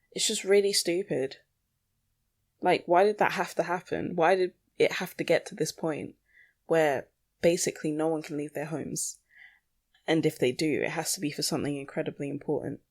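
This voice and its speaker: A young adult podcast host with a creaky, mid-range voice rambles casually in a solo monologue. The talk is blunt, sweary and full of self-questioning.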